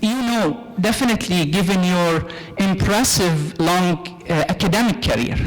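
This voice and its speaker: A man's voice: high-pitched, measured pace, long reverb tail, poor audio. A man from Syria, a native Arabic speaker and theology professor, asking a polite, earnest question from the audience at a lecture. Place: lecture hall.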